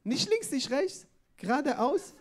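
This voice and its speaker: A man's voice: very high voice, sing-song, a little slow, voice pushed up, heavily acted. A man voicing a helpful male passerby who gives directions in simple, repetitive broken German.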